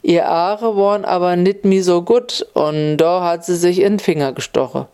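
A woman telling a folk tale in Upper Hessian dialect, in a homely, unhurried way. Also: lowish voice, warm tone, clear, resonant tone. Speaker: storyteller.

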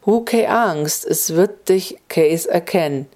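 Kindly old forest granny w/ upper hessian dialect, slow and warm, a woman telling it. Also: fairly low pitch. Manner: homely, sighing dialect talk. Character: kind-hearted old woman living alone in the woods.

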